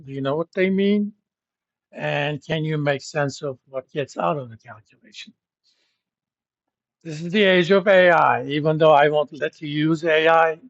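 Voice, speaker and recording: A middle-aged Turkish man who is a university professor lectures his class in a blunt, joking, informal way. His voice is a little high with vocal fry, and the recording is dry with the highs cut off.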